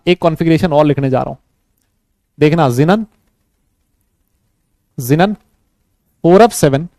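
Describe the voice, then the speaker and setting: A man with a high-pitched voice teaches a chemistry class in a lively, bantering way. He tags almost every sentence with a quick checking question and urges the students to speak up. The recording is dry and close, with little room sound. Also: no echo. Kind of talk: classroom lecture.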